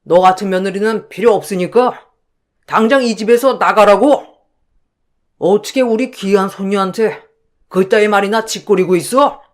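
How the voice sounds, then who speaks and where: A man's voice: high-pitched, unhurried, long pauses. A man playing a roaring old father-in-law. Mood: furious. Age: older. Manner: roaring, scolding. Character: stern elderly father-in-law, furious and commanding. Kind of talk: radio drama acting.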